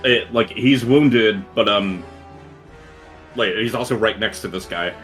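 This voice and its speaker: A man with a fairly low, bright and forceful voice narrates a tabletop game as game master. He describes the scene in halting, descriptive phrases, with music behind him. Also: poor audio.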